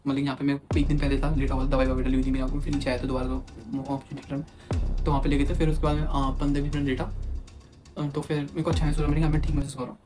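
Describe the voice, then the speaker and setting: A young man casually telling a personal story as a vlogger, animated and acting out what others said. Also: mid-range voice, racing. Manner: animated, quotes others in acted asides. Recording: music playing underneath.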